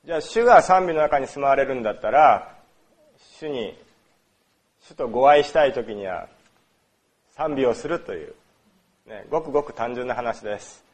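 A man from Osaka gives a sermon, his pitch rising and falling a lot as he speaks. He talks in a loose, conversational way, full of small fillers, and often asks the congregation questions. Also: animated, moderate pace, long pauses. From Osaka, Japan. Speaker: pastor. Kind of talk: sermon on worship.

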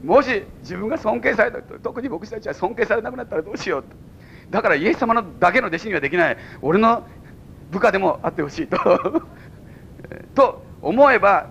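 A man with a Mikawa Japanese accent preaching a sermon as pastor to a congregation, with sudden high exclamations and chuckles. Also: expressive, brisk, creaky, fairly bright tone, highs cut off, a little hiss or hum. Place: church service before a congregation.

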